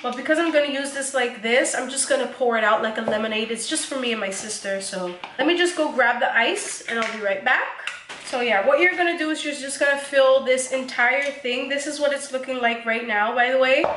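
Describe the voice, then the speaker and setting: High, bright-voiced young woman vlogger. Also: fairly quick, reverberant, slight background noise. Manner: chatty, joking, laughs often, casual swearing. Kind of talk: casual cooking vlog. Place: home kitchen.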